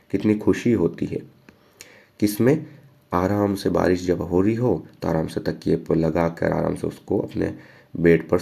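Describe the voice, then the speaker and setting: A man, explaining a poem line by line as a teacher, reading each verse slowly and then talking it through casually. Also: sits low, creaky, dark tone. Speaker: English teacher.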